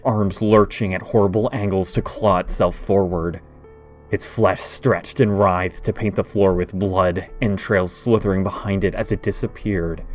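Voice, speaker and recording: A man narrating a scripted horror story in a measured, deliberate way. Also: low voice. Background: faint background music.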